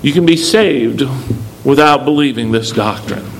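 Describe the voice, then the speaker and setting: A man's voice: mid-range voice, unhurried, noisy background. A man leading a church congregation as pastor, preaching emphatically and repeating key words for stress. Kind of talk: sermon.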